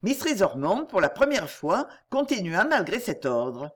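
A woman narrates a classic novel in the manner of an audiobook. Her reading is measured and expressive. Her pitch moves widely across each sentence. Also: husky. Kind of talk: scripted narration.

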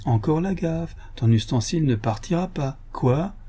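A man reading the part of a cocky, mocking gentleman thief in an audiobook, taunting and condescending. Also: on the high side, expressive, moderate pace, pitched above the performer's own voice.

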